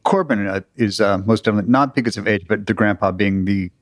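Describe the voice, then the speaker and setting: A man's voice: fairly low pitch, fast, dry recording. A middle-aged man co-hosting a podcast in casual chat, easygoing with a dry sense of humor. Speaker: podcast co-host.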